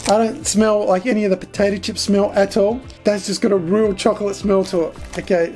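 A man hosting a casual food review, with deliberate emphasis and rhetorical questions. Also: sits high, little pitch movement, darkish tone. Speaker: snack reviewer and host. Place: small foam-treated studio indoors. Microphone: close desk microphone. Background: background music.

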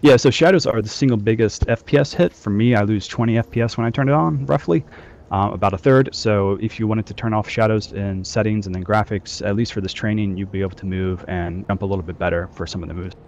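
A man's voice: lowish voice, fast talker, a little mellow, a little hiss or hum. A man leading a game training session over group voice chat, instructing loosely with frequent fillers. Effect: heard over group voice chat. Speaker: squad trainer.

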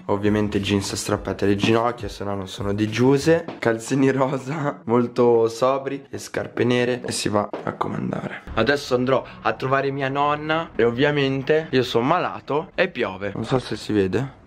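A man's voice: medium pitch, unhurried, few pauses. A man, chatting casually and animatedly to viewers in slang, his voice affected by illness and a cough. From Italy, Verbania. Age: 20s. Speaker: vlogger. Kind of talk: casual vlog chat to camera. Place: home rooms and a covered outdoor terrace. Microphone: camera at arm's length or on stand. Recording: roomy, distant camera sound, background noise and music.

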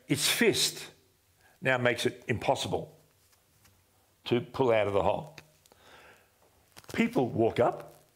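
A man in his sixties, a pastor, seated on a dim church stage with a headset mic, telling a personal story in a conversational sermon and often dropping his voice low for emphasis. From Australia. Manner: conversational, animated gestures, drops low for emphasis.

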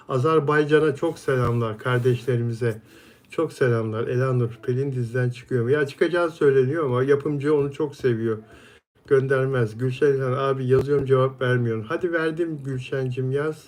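A man hosts a casual live stream, reading viewer comments aloud one after another. His voice sits at an ordinary middle pitch, and he answers each viewer by name in a friendly, chatty manner. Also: a little mellow.

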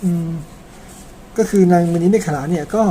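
A man's voice: high-pitched, moderate pace, mellow, a little hiss or hum. A man from Thailand narrating an old epic in a chatty, casual way, tagging his sentences with polite particles and slipping in personal asides. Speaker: storyteller.

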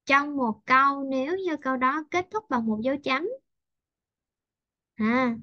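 A woman teaches a class online, patiently repeating example sentences at a slow, careful pace. Her voice sits a little high. The video call audio is muffled and dry. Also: lively intonation, no room sound. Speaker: English teacher.

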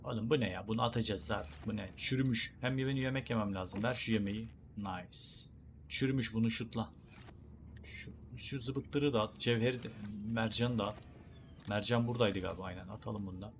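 Young male gamer, lower voice, playful banter to viewers, light background noise. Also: a little fast, a bit bright. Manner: joking, slangy, talks to viewers and game creatures. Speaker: gaming YouTuber. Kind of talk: casual let's play commentary.

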